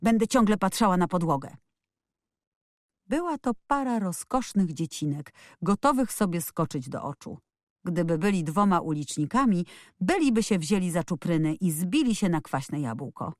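A woman narrating an audiobook in an expressive, lively storytelling manner. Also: fairly low pitch, normal speed, no echo, studio quality. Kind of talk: scripted narration.

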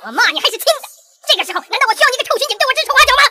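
An arrogant, contemptuous official who yells insults in a shrill, very high voice. He spits out the words at great speed over loud background noise. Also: big pitch swings, rapid-fire. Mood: furious. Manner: shouting, contemptuous.

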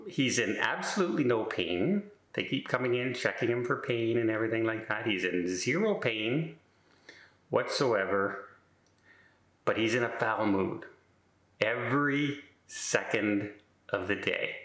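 A man's voice: lowish voice, animated, a little slow, fairly bright tone, reverberant. A middle-aged man telling a casual story in a rambling way, with many fillers and restarts. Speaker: vlogger.

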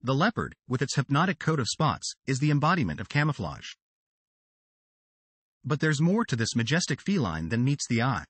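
A male narrator reads a nature documentary script with a dramatic, sweeping delivery. His pitch rises and falls in a lively way, and his voice has a husky edge. The recording is dry and close, with no room sound. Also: normal speed, no room sound.

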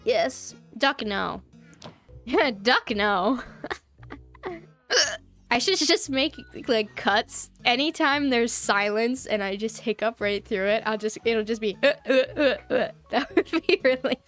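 Faint music plays behind a gaming YouTuber narrating a let's-play as she builds. Her voice is on the high side, expressive, slow, and a bit bright; she chats and giggles often while hiccups strain her voice.

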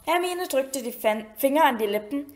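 A woman reading a novel aloud as an audiobook, steady storytelling with small slips. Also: sits high, moderate pace. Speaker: audiobook reader.

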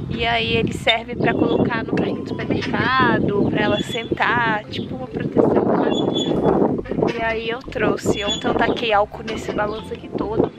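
A young Brazilian woman with a Brazilian Portuguese accent, chatting casually to camera in a windy park and cooing at her baby. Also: on the high side. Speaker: vlogger mother. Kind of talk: casual outdoor vlog.

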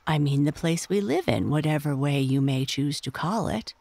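A storyteller voicing a timid, curious little dragonfly grub in a bedtime story, speaking politely and quietly. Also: medium pitch, animated, normal speed, vocal fry. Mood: earnest. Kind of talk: storybook character voice.

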